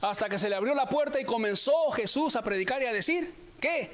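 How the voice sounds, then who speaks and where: Here a man with a very high, somewhat bright, animated voice gives an emphatic sermon. Phrases come back again and again, and he stretches important words out slowly for effect.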